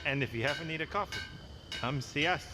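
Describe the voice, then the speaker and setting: An actor playing a dryly morbid rural coffin maker in a game, deadpan and matter-of-fact. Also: male voice, a little high, brisk, big-room sound, background noise, natural voice. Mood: dry, plain.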